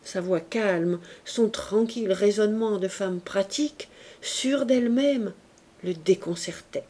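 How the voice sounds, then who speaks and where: A woman reads a classic novel aloud in a measured, even storytelling voice. Her tone is mellow and warm, with a soft, rounded quality. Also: mid-range voice. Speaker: audiobook reader. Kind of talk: audiobook narration of a classic novel.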